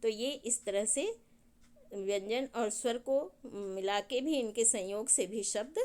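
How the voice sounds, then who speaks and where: A woman's voice: a little high, slow pace, darkish tone. A woman teacher giving a recorded grammar lesson to schoolchildren, explaining patiently and asking questions she then answers herself, with said.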